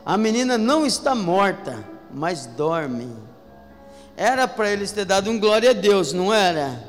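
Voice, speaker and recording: High-voiced Brazilian pastor in an echoing hall. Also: male voice, sing-song, unhurried. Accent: Brazilian Portuguese. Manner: emphatic preaching, calls out to the congregation. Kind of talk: sermon. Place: church hall. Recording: echoey hall with faint music.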